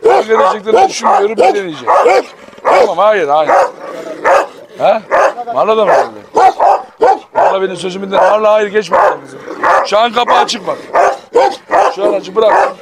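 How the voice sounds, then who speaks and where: A man filming a casual vlog, talking to viewers while firmly telling his dogs to calm down. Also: high-pitched, brisk, vocal fry, pauses often. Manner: tense, repeatedly commanding dogs to calm down. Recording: loud background noise with barking dogs. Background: dogs barking and growling.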